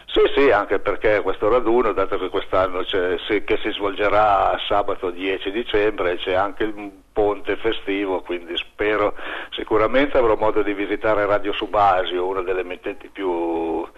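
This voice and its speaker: Deep-voiced man over a landline phone. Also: fairly even intonation, moderate pace. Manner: informative, lists details steadily. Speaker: radio hobbyist correspondent. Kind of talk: phoned-in radio report. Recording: muffled telephone line.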